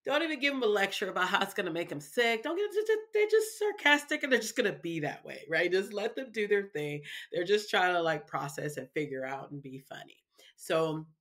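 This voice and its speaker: A woman with a lowish, very animated, fairly bright voice talks a little fast as a guest parenting speaker in a casual interview. She's chatty and loose, tossing in little asides and plenty of "you know" and "right".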